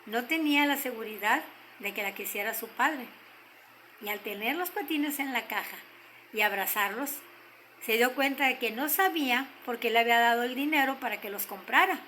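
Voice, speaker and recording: An older woman with a Mexican accent telling a story gently, slowing down to stress key moments. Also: fairly high pitch, slight background noise, low-quality recording. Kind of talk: told story.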